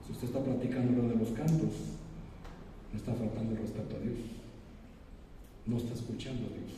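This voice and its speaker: A man's voice: mid-range voice, steady tone, fairly quick, dark tone, a little hiss or hum. A man, preaching a sermon as pastor, asking his congregation rhetorical questions. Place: church sanctuary. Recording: echoey church hall, preacher far from mic.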